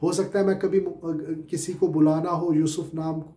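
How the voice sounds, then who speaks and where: Pakistani guy giving an english lesson, kinda high mellow voice, says uh a lot, echoey room. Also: little pitch movement, moderate pace. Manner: explains step by step, with many filler "uh"s and repeated rhetorical questions. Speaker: spoken English teacher. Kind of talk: classroom-style lecture.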